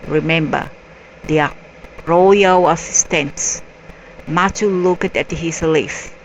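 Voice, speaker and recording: Woman narrator, reads a story slowly and haltingly, lowish voice. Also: muffled recording, a little hiss or hum. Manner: halting, spells out word endings letter by letter. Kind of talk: reading a story aloud.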